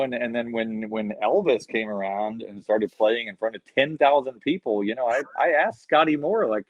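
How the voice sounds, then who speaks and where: Over a video call, a man who plays music spins loose, wandering stories packed with "you know," in an easygoing interview. His voice sits at medium pitch. The lo-fi audio is a little dull and dry, with no room sound.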